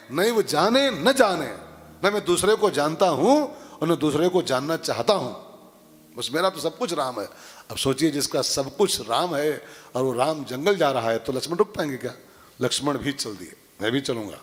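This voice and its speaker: A man's voice: fairly high pitch, moderate pace, big-room sound. A man preaching a devotional sermon, telling stories with acted-out quotes and often asking his audience "हाँ?". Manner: animated, acts out quotes, asks "हाँ?" to the audience. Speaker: preacher giving a religious discourse.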